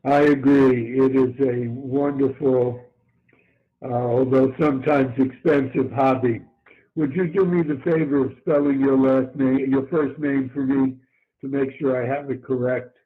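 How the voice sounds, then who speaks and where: A man with a mid-pitched voice hosts an amateur radio net in a polite, halting way. He is heard through a thin, band-limited two-way radio link. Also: fairly even intonation, narrow, tinny audio.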